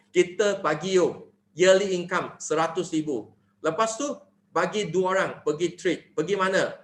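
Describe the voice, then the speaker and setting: A man giving an animated sales presentation, often asking his listeners rhetorical questions. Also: a little high, roomy sound. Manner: animated, mixing in English phrases, asks rhetorical questions. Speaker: network marketing presenter.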